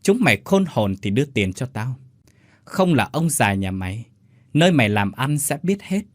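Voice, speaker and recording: A man's voice: medium pitch, big pitch swings, moderate pace, dry recording, studio quality, lightly acted. A man doing a smug blackmailing gigolo. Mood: sneering. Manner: mocking, sneering.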